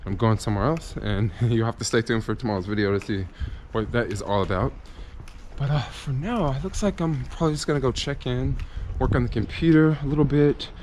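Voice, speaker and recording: Fairly quick and a little mellow, this medium-pitched young American travel vlogger talks casually through a train ride and a city walk, upbeat and easygoing, thinking aloud while short on sleep. A camera-mounted mic on a handheld wide-angle rig picks up noisy outdoor audio from the trains, stations, and streets.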